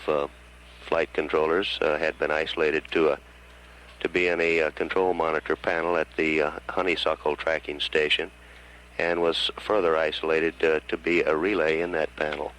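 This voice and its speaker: A man giving formal mission status announcements as a control centre announcer, with halting, hesitant delivery. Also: rumbling low, a bit bright, poor audio. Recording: faint hum on archival broadcast line.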